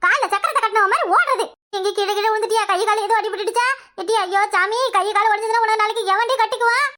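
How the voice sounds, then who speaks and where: A woman voicing a loud, quick-tempered village mother in a cartoon, with a southern Tamil village accent and shrill, fast exclamations. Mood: scolding. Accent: southern Tamil Nadu village Tamil. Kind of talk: cartoon voice acting.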